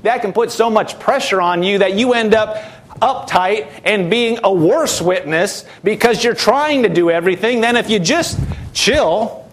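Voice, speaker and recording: A man's voice: high voice, unhurried. A man preaching a sermon, fervent and repetitive, with frequent hallelujahs.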